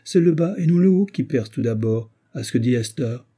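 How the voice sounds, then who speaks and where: A man voicing an older, fussy, motherly gentlewoman who talks in an effusive, doting way. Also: medium pitch, animated, moderate pace, natural voice.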